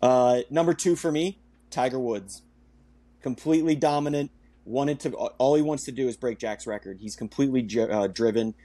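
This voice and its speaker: Laid-back young guy on a sports podcast, average pitch, chuckles easy. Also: normal speed, mellow. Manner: easygoing, laughs often. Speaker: podcast co-host. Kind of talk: casual sports chat.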